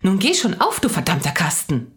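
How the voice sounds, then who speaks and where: A woman's voice: fairly low pitch, wildly swooping pitch, moderate pace, fairly bright tone, faint music behind, voice pushed up. A woman voicing an irritable older female cashier in a storybook reading, curt and snappish. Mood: irritated.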